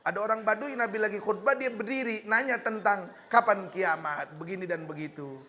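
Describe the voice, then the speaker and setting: A man with a Betawi accent preaching a lively, joking sermon, slipping into Betawi slang. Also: high-pitched, a little fast, long reverb tail, slight background noise. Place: hall with religious gathering.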